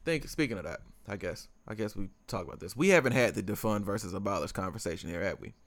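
A man with a fairly low voice talks through a casual podcast conversation. He rambles and loops back with frequent fillers and restarts. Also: expressive, quick pace, vocal fry, fairly bright tone. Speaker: podcast co-host.

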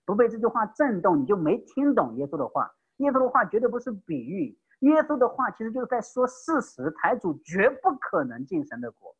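Impassioned preacher with a husky voice. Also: male voice, highs cut off. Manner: impassioned, swinging between loud emphatic peaks and hushed low phrases. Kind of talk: evangelistic sermon.

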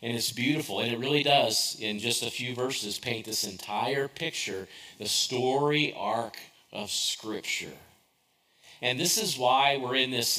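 A man's voice: medium pitch, pushed and bright, poor audio. A middle-aged man preaching a conversational sermon, telling stories with self-deprecating humor and asking rhetorical questions. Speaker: pastor.

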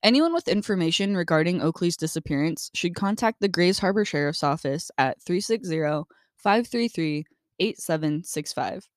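A woman's voice: on the low side, lively intonation, normal speed, no room sound, clean studio sound. Blunt woman true crime podcaster. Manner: reads case facts then vents bluntly with swearing. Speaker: podcast co-host.

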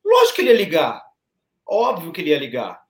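A man's voice: a little high, wildly swooping pitch, fast talker, roomy sound, a loud crowd. A man on a football podcast panel, arguing his point emphatically and repeating phrases for stress. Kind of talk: casual football debate.

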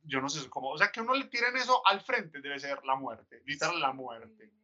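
A man's voice: a little high, lively intonation, moderate pace, bright, forceful tone. A young man with a Colombian accent chatting casually on a podcast, joking and swearing. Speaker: podcast co-host. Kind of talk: casual chat. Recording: dull lo-fi audio.

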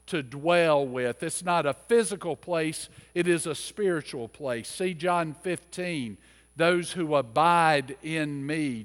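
A slow, deliberate male pastor with a slightly higher than usual voice reads scripture and preaches. His words ring out with a long reverb, as in a church sanctuary. He lingers over each phrase. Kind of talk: scripture reading and sermon.

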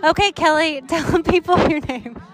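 A woman's voice: sits high, moderate pace, fairly bright tone. A woman host doing casual, chatty interviews at a pool party, gushing exuberantly and swearing freely. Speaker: podcast host interviewing camp guests. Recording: music and crowd chatter behind.

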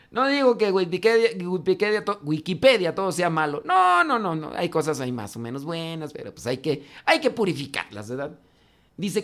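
A Mexican priest leads a relaxed class, his voice rising and falling in lively swings. He chats, digresses and gently scolds his students. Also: fairly high pitch. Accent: Mexican Spanish. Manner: animated, chatty, teasingly scolding. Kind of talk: informal class answering questions.

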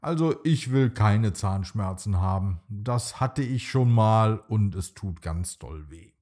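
A man voicing a small, eager boy dinosaur in a bedtime storybook, with an excited, pleading childlike voice. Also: fairly low pitch, takes it slowly. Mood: cheerful.

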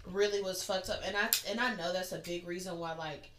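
A woman co-hosts a casual podcast chat and speaks bluntly and emphatically, swearing freely. Her voice is bright and forceful. The room around her sounds echoey. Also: fairly low pitch, fairly quick, a little hiss or hum. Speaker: podcast co-host.

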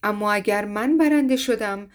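Lady doing a stern viking chief, low and firm, talks in charge. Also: close to an everyday voice.

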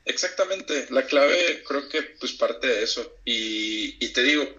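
A man's voice: medium pitch, lively intonation, slow, pushed and bright, highs cut off. A man with a Mexican Spanish accent, chatting as an interview guest, reflective and full of restarts. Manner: reflective, many hesitations and restarts. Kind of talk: casual interview chat.

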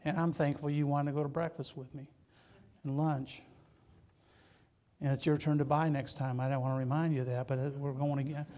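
A man's voice: fairly high pitch, little pitch movement, brisk, dark tone. A man from Michigan preaching a sermon as pastor, talking casually with the congregation, joking with listeners and often repeating words as he starts a phrase. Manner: conversational, joking asides to congregation.

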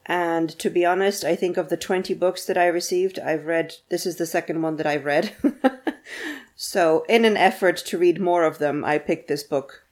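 A woman's voice: fairly low pitch, normal speed, a little mellow. A woman co-hosting a book podcast, chatting casually, laughing often, and reading a blurb aloud.

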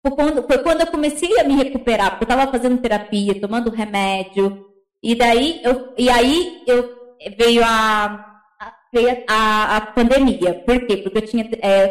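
A young woman telling a personal story in casual chat, animated, acting out other people's words. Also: a little high, echoey room, poor audio. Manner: animated, acts out quoted voices. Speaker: guest.

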